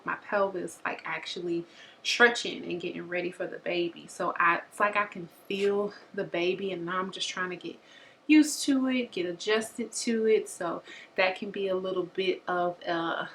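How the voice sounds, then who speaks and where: A woman's voice: medium pitch, fairly bright tone, a little hiss or hum. A young woman, chatting candidly to her viewers, a bit short of breath. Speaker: vlogger. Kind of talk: casual chat to camera.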